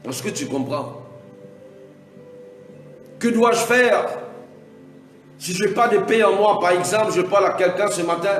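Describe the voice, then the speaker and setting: A man preaching a Pentecostal sermon, repeating himself and punctuating his lines with alleluia, now and then building to shouts. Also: high-pitched, a little slow, long pauses. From Mauritius. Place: large church hall. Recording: echoey hall from far off, faint music.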